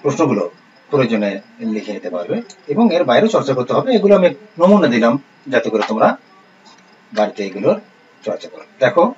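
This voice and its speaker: A man teaching a recorded online lesson, speaking in a calm, measured way and reading out lists of words slowly. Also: mid-range voice. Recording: slightly dull lo-fi recording with faint hiss.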